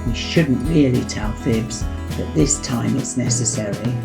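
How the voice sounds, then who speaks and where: An older woman narrating a home-made children's story in a gentle, even way. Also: very deep voice, unhurried, gravelly, over music, poor audio.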